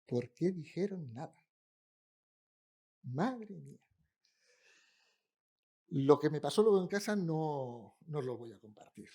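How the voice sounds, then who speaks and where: Husky-voiced man preaching a lively sermon. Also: a little high, takes it slowly, pauses often. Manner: conversational, humorous, addresses congregation. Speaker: pastor preaching. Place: church in Barcelona.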